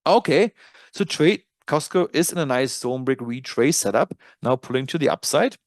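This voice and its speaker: A man's voice: medium pitch, expressive, moderate pace, no echo. A man with a German accent presenting a trading dashboard in a webinar, walking through features in a casual, self-correcting way. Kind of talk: software tutorial walkthrough.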